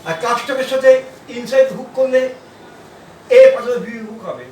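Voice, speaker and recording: A man teaching shorthand in a classroom style, pausing and repeating words as he writes out examples. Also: very high-pitched, expressive, a little mellow, a little hiss or hum. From India. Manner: halting, repeats words while writing. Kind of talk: classroom lesson. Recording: echoey room, mic far off.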